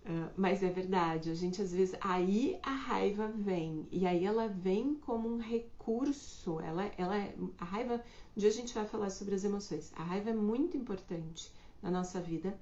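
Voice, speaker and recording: Casting: woman hosting a live talk, mellow and slightly hoarse, reflective explainer, roomy and dull-sounding recording. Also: moderate pace. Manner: reflective, acts out quoted remarks in a higher voice. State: slightly hoarse, clearing throat. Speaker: host of a live talk on communication.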